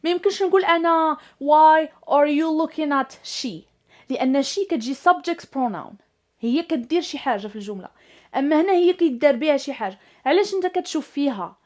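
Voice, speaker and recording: High-voiced Moroccan woman teaching English. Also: expressive, a little mellow. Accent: Moroccan Arabic. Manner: slows right down and stresses example sentences. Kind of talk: explaining at a whiteboard, switching between Moroccan Arabic and English.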